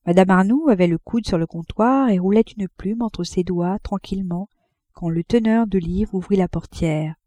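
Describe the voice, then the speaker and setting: A woman narrating a classic novel in a measured, even storytelling manner. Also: mid-range voice, no echo. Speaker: audiobook narrator.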